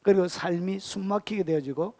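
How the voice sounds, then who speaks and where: A man preaching a sermon as pastor. He swings from loud storytelling to hushed near-whispers, and he keeps asking his listeners questions and answering them himself. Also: high voice, fairly quick, no room sound.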